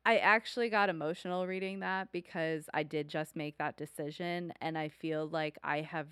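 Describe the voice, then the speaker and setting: A woman with a lowish voice talks through a casual podcast as co-host, earnest and quick to laugh. Her voice sits close and dry against the mic. She sounds like a young adult. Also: steady tone, fairly bright tone, clear, resonant tone, no echo. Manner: earnest, reads aloud then laughs easily.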